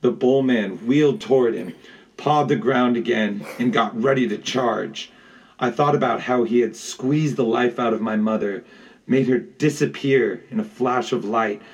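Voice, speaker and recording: A man narrating a first-person adventure story aloud in a measured, dramatic way. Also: mid-range voice, husky, distant mic, muffled recording. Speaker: audiobook narrator. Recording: voice set back from the mic.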